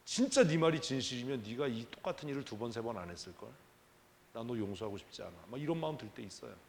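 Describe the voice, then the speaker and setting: A man's voice: medium pitch, sing-song, racing. A male pastor preaching at a prayer meeting, speaking in a plain mid-range voice. His delivery is chatty yet emphatic, built around rhetorical questions put to the congregation. The sound carries a long church reverb and a faint hiss underneath. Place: church sanctuary.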